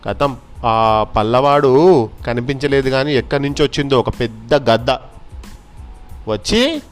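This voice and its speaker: A man puts on a grieving merchant who pleads his case earnestly. The voice stays at an everyday middle pitch. Soft music hums under the storybook reading. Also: expressive, unhurried, lightly acted. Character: sorrowful, pleading male merchant friend.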